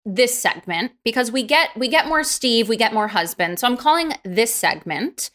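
A woman's voice: on the high side, expressive, normal speed, fairly bright tone. A woman co-hosting a podcast, chatting casually with wry, sarcastic quips. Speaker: podcast co-host. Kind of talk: casual chat.

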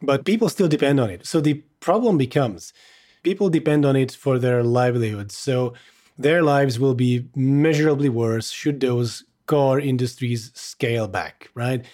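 Man from Hungary, guest; animated casual talk, plenty of fillers. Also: medium pitch, moderate pace. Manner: animated, chatty, many fillers and restarts. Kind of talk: casual conversation.

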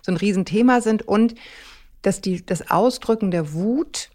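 A woman's voice: mid-range voice, unhurried, darkish tone. A woman hosting a conversational interview, reflective and summarizing, often ending thoughts with a questioning tag. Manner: reflective, summarizing with frequent "ne?" tags. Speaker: podcast host.

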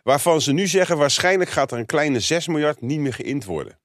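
A man's voice: a little high, expressive, fairly quick, dry recording, studio quality. A man with a Dutch accent co-hosting a comedy podcast, chatting casually and rambling through his stories with many restarts. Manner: rambling, self-interrupting storyteller. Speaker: podcast co-host.

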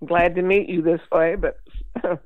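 A woman's voice: on the low side, steady tone, a little slow, narrow, tinny audio, crowd noise. A woman from the Southern United States joining a podcast as a guest, polite and genteel.

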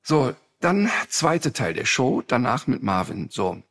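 A man hosting a podcast, telling a story casually and with animation, often dropping a "ne?" as he goes. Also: medium pitch. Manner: animated, drawn-out storyteller with frequent "ne?". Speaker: podcast host.

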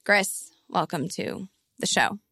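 A woman's voice: on the low side, expressive, slow, pushed and bright, no echo, clean studio sound. A woman co-hosting a sports podcast in a playful, joking manner. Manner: playful, joking, laughs easily. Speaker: podcast co-host. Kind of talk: casual chat.

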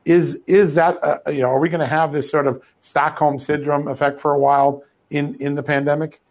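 A man's voice: on the high side, flat delivery, brisk. A man hosts a political talk show in a conversational voice. He tells stories from his own life before putting questions to his guest.

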